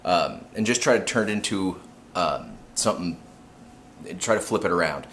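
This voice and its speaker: Low voiced musician guy vlogging, chill and straight to the point. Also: expressive, normal speed, a bit bright, a little hiss or hum. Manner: laid-back and straightforward. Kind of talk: casual vlog talk.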